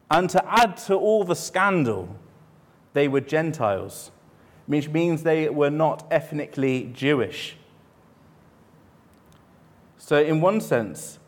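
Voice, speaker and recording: A man delivers a sermon, his voice pitched slightly higher than most men's. He talks with the congregation rather than at them, asking questions along the way and slowing down to land his points. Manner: conversational, with rhetorical questions and slowed emphasis. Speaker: preacher.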